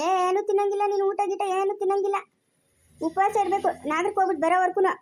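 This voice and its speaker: A woman's voice: very high voice, flat delivery, quick pace, darkish tone. A woman playing a fretful village grandmother who scolds and coaxes, speaking with a Chikkaballapur Kannada accent. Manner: anxious, scolding, coaxing. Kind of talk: village family drama.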